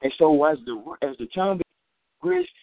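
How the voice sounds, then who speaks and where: A fairly high male voice swoops wildly in pitch at a moderate pace, with no echo on a dry, tinny phone-like recording. The preacher gives an earnest, informal testimony and sermon, repeating and restarting as he goes.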